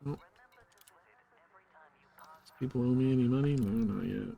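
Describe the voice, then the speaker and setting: Over lo-fi sound with clear background noise, a man offers rambling, slangy live commentary on the game he's streaming. He keeps a measured pace in a mid-range voice, chatting informally throughout.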